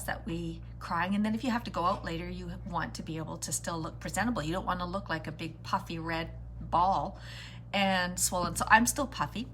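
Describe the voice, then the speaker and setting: A low-voiced woman hosts a casual beauty livestream. She chats straight to her viewers with friendly greetings and endearments while doing her makeup. There is noticeable noise and hum behind her voice. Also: fairly bright tone. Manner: chatty, addressing viewers directly with greetings and endearments. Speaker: beauty vlogger hosting a live makeup tutorial.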